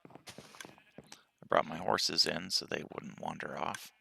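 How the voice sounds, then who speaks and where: A man giving a relaxed tour of his game world with a just-woken-up morning voice, pausing often and speaking softly. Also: a bass voice, gravelly, a little hiss or hum. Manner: relaxed walkthrough with frequent pauses and fillers. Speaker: game player.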